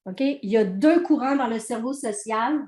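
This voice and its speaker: Québécois woman teaching, fairly high voice. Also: moderate pace, darkish tone, roomy sound. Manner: conversational, checks in with "ok?". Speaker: trainer. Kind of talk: teaching a training session.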